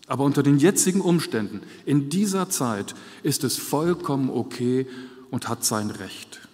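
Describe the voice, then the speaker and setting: A male preacher delivers his sermon in an earnest, measured way, repeating key phrases to drive them home. His mid-pitched voice carries a long reverb tail from a large church hall. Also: expressive, a little mellow.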